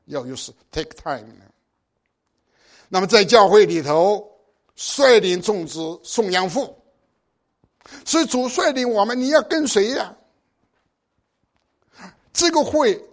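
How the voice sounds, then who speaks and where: High-voiced older preacher, exhorting. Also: male voice. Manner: exhorting, with pointed rhetorical questions. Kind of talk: sermon.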